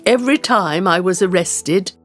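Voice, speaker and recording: A woman voicing a determined older suffrage campaigner, telling her life story in first person as storybook narration with slow, clear, carefully measured delivery. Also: on the low side, faint music behind, natural voice. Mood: earnest.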